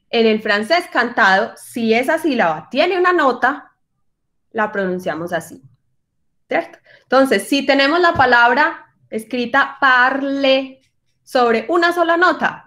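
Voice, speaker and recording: A woman teaching French pronunciation to singers over a video call, patient and encouraging, slowly demonstrating each sound. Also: on the high side, a bit bright. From Colombian Caribbean coast. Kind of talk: online workshop lesson.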